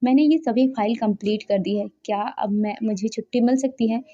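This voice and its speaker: Woman reader doing a frazzled young assistant in an audio story; pleading, mellow tone, lo-fi. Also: on the high side, normal speed, lightly acted. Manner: pleading, exasperated. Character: young female office assistant, flustered and overworked.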